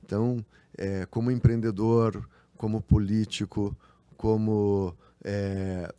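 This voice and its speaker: Male co-host, warm low voice, dry sound, unhurried history chat with fillers. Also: flat delivery, clean tone, no room sound. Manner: hesitant, with restarts and fillers. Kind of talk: casual history chat show.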